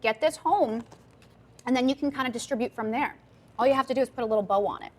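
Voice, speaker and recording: A woman hosting live home shopping TV, chatty and upbeat, pitching products and reading out item numbers and prices. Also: fast, darkish tone. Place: TV studio.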